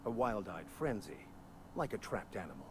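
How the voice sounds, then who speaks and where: Pompous, low-voiced bureaucrat, animated pitch. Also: male voice, moderate pace, a little hiss or hum. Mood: condescending. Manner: pompous, formal, dryly sardonic. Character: stuffy, condescending male bureaucrat, fussy and sardonic. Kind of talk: video game character dialogue.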